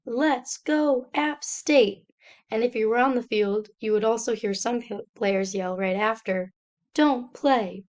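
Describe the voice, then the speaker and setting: A young woman, a student, reading a slide presentation aloud in a steady, step-by-step explanatory way. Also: mid-range voice, clear, resonant tone.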